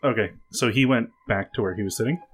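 A man's voice: medium pitch, fast talker, breathy edge, soft background music. A man playing a tabletop game, talking in an easygoing, jokey way. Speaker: player. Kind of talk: in-character tabletop play.

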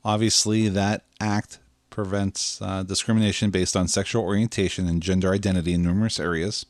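A man's voice: sits low, brisk, dry recording, studio quality. A man co-hosting a podcast, chatting casually with many fillers. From Pittsburgh area. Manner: relaxed, chatty, lots of fillers. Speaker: podcast co-host. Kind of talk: casual chat.

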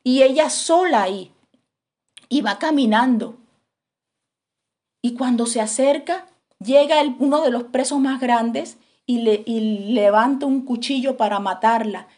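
A woman's voice: a little high, a little slow, darkish tone. Dramatic woman preacher telling a story. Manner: dramatic storytelling with acted-out quotes. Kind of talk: sermon storytelling.

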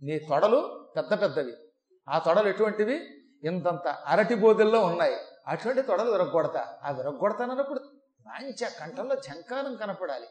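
A man giving a devotional scripture discourse, telling it in an animated way and changing his voice to act out the verses. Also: high-pitched, moderate pace. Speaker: Puranic discourse speaker. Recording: echoey hall recording.

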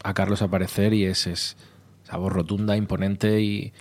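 A man, a radio station manager being interviewed, telling stories in a lively way and acting out dialogue. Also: sits low. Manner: lively, animated storyteller, quick to act out dialogue. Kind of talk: casual interview talk.

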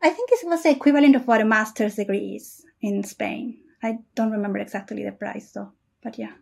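Speaking at a medium pitch with vocal fry and a breathy edge, a woman from Peru who works as a software engineer takes questions in a casual video-call interview. Her answers are thoughtful and measured, dotted with frequent "uh" pauses.

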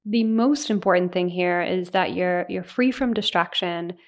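A woman leading a guided meditation in a soothing, unhurried way, leaving gentle pauses between phrases. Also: lowish voice.

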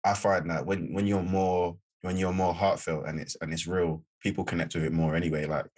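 A man hosting a podcast interview, relaxed and agreeable, asking questions and answering with plenty of quick yeahs. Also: sits low. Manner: relaxed, agreeable, lots of back-channel "yeah". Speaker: podcast host. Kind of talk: casual interview chat.

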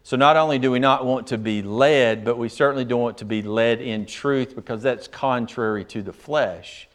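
Man preaching with slow emphatic phrases. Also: mid-range voice. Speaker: pastor. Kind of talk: sermon.

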